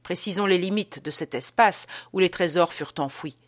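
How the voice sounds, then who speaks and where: A woman's voice: lowish voice, moderate pace, dry recording, natural voice. A woman reading the part of a pompous man who lectures with emphatic rhetorical questions.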